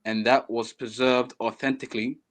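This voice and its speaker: A man's voice: medium pitch, level tone, normal speed. A man calling into a live debate stream from a phone, earnest and a little hesitant, often restarting words. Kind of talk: casual debate chat. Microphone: phone mic.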